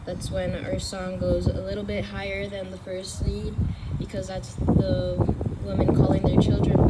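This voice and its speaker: Earnest woman telling a song's story. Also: fairly low pitch. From Canada. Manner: earnest, heartfelt, with fillers. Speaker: singer explaining a song. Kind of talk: telling the story behind a song. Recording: loud traffic noise outdoors.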